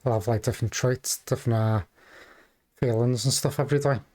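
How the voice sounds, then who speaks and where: A man giving casual, off-the-cuff commentary as a reaction video host, halting and rambling as he goes. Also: medium pitch, steady tone, darkish tone. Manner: hesitant, halting, rambling delivery.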